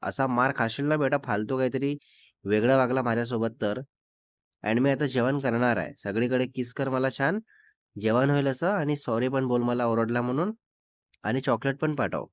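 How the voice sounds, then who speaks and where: A man's voice: medium pitch, normal speed, dry recording, lightly acted. A man voicing a sulky young woman, a girlfriend who complains tearfully and makes demands in a petulant way. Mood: demanding. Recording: dull lo-fi dry recording.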